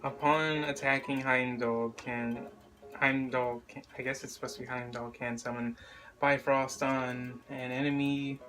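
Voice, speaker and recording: A young man co-hosting a casual chat, reading notes aloud haltingly and asking questions. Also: mid-range voice, flat delivery, sharp tone, soft background music. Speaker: co-host.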